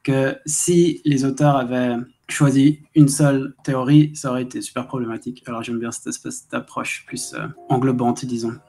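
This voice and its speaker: A man from Switzerland answers interview questions as a researcher. He speaks in a thoughtful, measured way and sometimes pauses to hesitate. His pitch sits in the middle range. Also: little pitch movement, mellow. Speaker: researcher guest.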